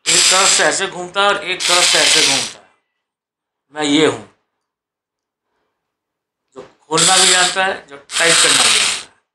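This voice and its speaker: A man's voice: fairly high pitch, a little slow, pauses often, very noisy. A man vlogging at home in a preachy monologue, repeating himself and firing off rhetorical questions. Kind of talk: exhortative monologue. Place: sitting on a sofa at home.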